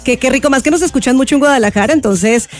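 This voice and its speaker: A Colombian woman with a high voice and a Colombian accent, trading playful banter as a morning-show co-host. Faint music plays beneath her talk. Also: fast. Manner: playful, teasing, chatty. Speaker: radio co-host.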